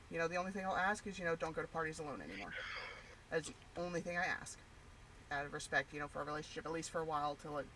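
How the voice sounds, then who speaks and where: A woman's voice: sits low, noisy background. A woman chatting casually and candidly, rambling with lots of fillers. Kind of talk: casual personal chat.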